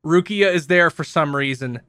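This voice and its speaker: A man's voice: a little high, normal speed, bright, forceful tone, clean tone, no echo. A man co-hosting a podcast, casually recapping episodes in a rambling, profane way. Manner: rambling plot recap with frequent profanity and laughs.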